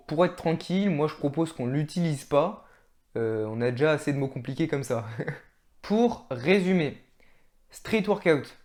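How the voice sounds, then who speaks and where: A man's voice: on the high side, darkish tone. A man, a fitness video creator explaining training vocabulary in a casual, chatty way and laughing at himself now and then. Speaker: fitness YouTuber.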